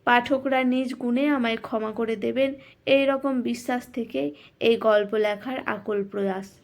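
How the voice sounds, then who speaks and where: A woman tells her own story aloud as a first-person narration. She sounds reflective and pokes fun at herself, and her voice sits fairly high. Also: fairly even intonation, a little slow, gravelly. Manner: reflective and self-mocking.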